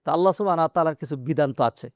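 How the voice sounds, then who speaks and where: Guy, scholar explaining rules slow and careful, lotta "uh"s, kinda high voice. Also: no room sound, clean studio sound. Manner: measured explaining, hesitant fillers. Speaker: Islamic scholar answering questions. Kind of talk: religious Q&A interview.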